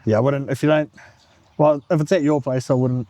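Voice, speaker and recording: Mellow man with a broad Kiwi accent. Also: mid-range voice, fairly even intonation, brisk, dry recording. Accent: broad New Zealand. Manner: laconic, colloquial, agreeable. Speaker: concrete layer being interviewed. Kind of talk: casual on-site chat.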